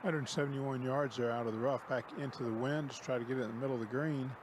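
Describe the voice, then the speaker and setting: A man's voice: medium pitch, steady tone, quick pace. Male on-course golf reporter, noisy outdoors. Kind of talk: live golf commentary.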